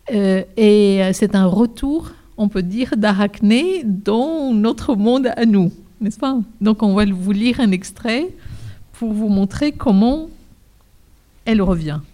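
Woman reading and discussing literature, mellow. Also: mid-range voice.

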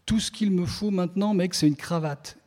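A man's voice: high-pitched, normal speed, a little mellow. A man reading a slangy first-person literary text aloud with a rhythmic, repeating refrain. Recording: reverberant hall.

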